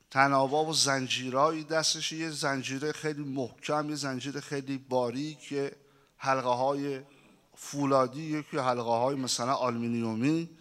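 A male preacher giving a sermon, telling stories and acting out their dialogue. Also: medium pitch. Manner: animated storyteller who acts out dialogue. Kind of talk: sermon with storytelling.

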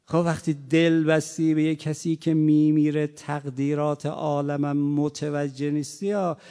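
A man preaching a sermon, moving from quiet, plain talk to loud, impassioned cries. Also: fairly high pitch, flat delivery, clean tone. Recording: long hall reverb.

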